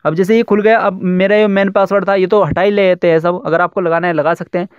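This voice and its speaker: A young man hosting a casual tech tutorial, chatty and quick as he walks through an app step by step. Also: high-pitched, steady tone, clean tone, no room sound, muffled recording. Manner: quick chatty explaining with fillers. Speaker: YouTube tech tutorial host.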